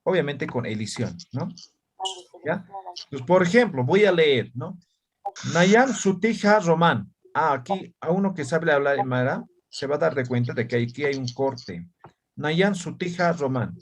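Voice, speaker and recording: A man's voice: fairly high pitch, lively intonation, normal speed, a little hiss or hum. Patient man teaching a language class. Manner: patient, frequent "¿ya?" and "¿no?" checks. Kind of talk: online class explanation.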